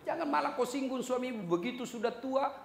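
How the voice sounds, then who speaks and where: A male Indonesian preacher giving a lively sermon, joking with the congregation and now and then breaking into song. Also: very high-pitched, fast talker, vocal fry, a little hiss or hum. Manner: animated, jokes with the crowd, breaks into song. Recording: echoey hall with long reverb.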